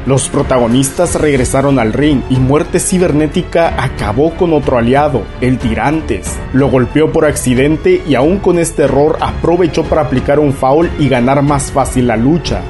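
A man's voice: medium pitch, normal speed, few pauses. A man delivering scripted narration as the narrator of a lucha libre documentary. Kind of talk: scripted narration recounting wrestling matches. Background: background music.

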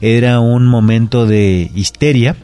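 A man's voice: medium pitch, steady tone, measured pace, mellow, clear, resonant tone. A man, explaining word usage carefully and methodically as a language expert on a talk segment.

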